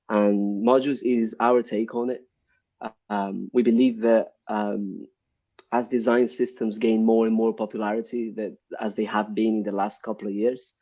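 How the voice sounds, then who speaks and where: This guest, a UI developer from Brazil, gives lengthy explanations in a casual live-stream interview, often saying um and starting over. His voice is lowish and dark, and the stream audio sounds dull and lo-fi.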